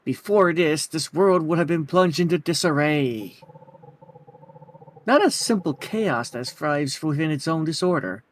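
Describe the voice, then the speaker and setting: A man's voice: a little high, close to an everyday voice. A man voicing a solemn, godlike giant bird in a video game, speaking in stately, formal, philosophical phrases. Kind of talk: reading video game dialogue aloud.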